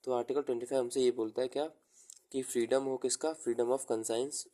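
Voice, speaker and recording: A young man teaching an exam-prep lecture, explaining slowly, repeating key terms while he writes and mixing Hindi with English terms. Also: mid-range voice, flat delivery, dark tone.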